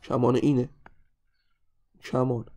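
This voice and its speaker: A man teaching an exam-review math lesson, animated and constantly addressing his students directly. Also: mid-range voice.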